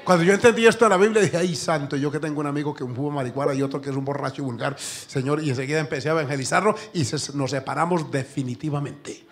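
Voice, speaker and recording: A middle-aged man with a Colombian accent preaching a sermon, telling stories with emphatic, animated outbursts. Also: mid-range voice, fast talker. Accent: Colombian Spanish. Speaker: pastor. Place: church.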